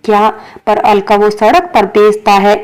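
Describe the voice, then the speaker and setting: A woman voicing an apologetic male office boss in a storybook reading, speaking in a gentle, pleading way. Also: medium pitch, steady tone, a little slow, clean tone, close to an everyday voice.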